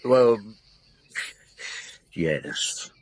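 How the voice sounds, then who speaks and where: An actor playing a probing, reflective middle-aged French chief inspector in a radio drama, speaking in a hesitant, musing way. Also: male voice, medium pitch, expressive, extremely slow. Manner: hesitant, musing, with murmured hums and questions. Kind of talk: radio drama dialogue and first-person narration.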